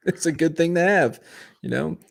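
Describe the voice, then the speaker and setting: A man's voice: a little high, vocal fry. A man guesting on a podcast, chatting casually with wry, sarcastic humor. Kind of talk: casual chat.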